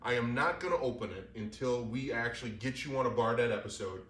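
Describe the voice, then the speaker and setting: A man's voice: mid-range voice, fast talker, a bit bright, echoey room. A man hosting a casual bar show, joking and upbeat as he chats with a guest. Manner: jokey, upbeat, loose. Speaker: host. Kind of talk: casual chat.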